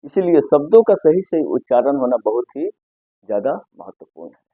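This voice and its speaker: A man's voice: fairly high pitch, big pitch swings, moderate pace, dark tone, slightly rough, dry recording, rough recording. A man teaching an English pronunciation lesson in Hindi, asking questions and answering them himself, repeating key points. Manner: stretches out single words, often ends with "ठीक है ना?".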